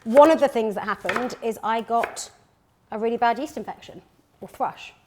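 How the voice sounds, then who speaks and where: A woman's voice: fairly high pitch, moderate pace. English woman, 30s, casual kitchen-chat guest, rambly fillers, slight background noise. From England (Birmingham). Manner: chatty, many fillers and restarts. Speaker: guest, company founder. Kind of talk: casual chat while cooking. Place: home kitchen.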